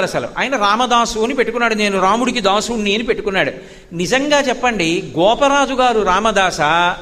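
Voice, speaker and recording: A man with a high, bright voice delivers a devotional sermon, telling stories in an animated way and breaking into recited Sanskrit verses. His voice carries a long hall reverb. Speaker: spiritual discourse speaker.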